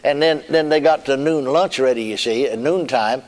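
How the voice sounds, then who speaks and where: A man's voice: medium pitch, moderate pace. A man preaching a folksy, rambling sermon as a personal story, with colloquial asides. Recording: archive sermon in a reverberant hall.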